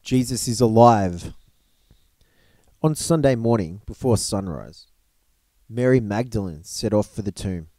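A man reads a story aloud at an unhurried pace, now and then stumbling and restarting a phrase. His voice is mellow and warm. The recording is close and dry, with no room sound. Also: lowish voice, no room sound. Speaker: reader of a storybook gospel. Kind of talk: reading a book aloud.

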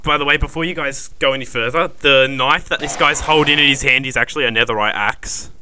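A man's voice: mid-range voice, fairly quick, pushed and bright, a little hiss or hum. A young man playing a horror game with friends, a scared, jumpy streamer who repeats his phrases urgently. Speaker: player in a group horror game. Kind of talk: excited gaming chat.

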